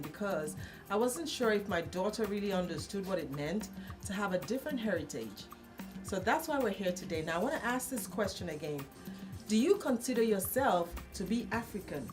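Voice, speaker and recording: A woman's voice: mid-range voice, animated, normal speed, music in the background. A woman hosting a studio talk show, welcoming guests and steadily asking them questions.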